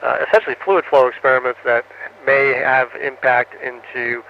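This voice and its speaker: A man's voice: medium pitch, little pitch movement, slight background noise. Man on a muffled, breaking-up space radio link. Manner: halting, with frequent "uh" fillers. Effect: radio downlink from space, muffled and breaking up. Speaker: astronaut answering students. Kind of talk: radio Q&A, ending each answer with "over". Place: on board the space station.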